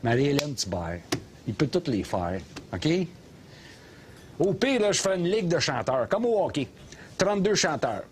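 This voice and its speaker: A ranting Québécois cab driver. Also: male voice, a little high, big pitch swings, moderate pace, pauses often, noisy background. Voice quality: sarcastic ranting, mocking. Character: loud opinionated middle-aged male taxi driver. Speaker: taxi driver. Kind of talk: scripted comedy sketch. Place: inside a taxi.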